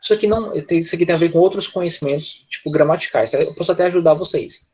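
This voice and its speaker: A man with a Brazilian Portuguese accent teaches an English grammar class, patiently repeating "tá?" and "né?" to make sure students follow. His voice is fairly high and a little mellow, and he speaks very fast. The recording is low-quality, with a little hiss or hum.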